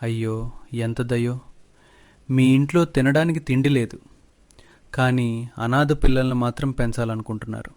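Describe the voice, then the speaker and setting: A man's voice: medium pitch, steady tone, normal speed, a little mellow, lightly acted. A man voicing a greedy middle-aged village headman who talks with sarcasm and scorn. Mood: mocking.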